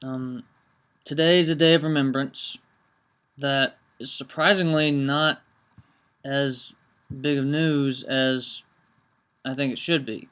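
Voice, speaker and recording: A man's voice: mid-range voice, steady tone, takes it slowly, long pauses, fairly bright tone, clear, resonant tone. A man talking casually to camera in a vlog, earnest and reflective, with many ums and restarts. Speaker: vlogger.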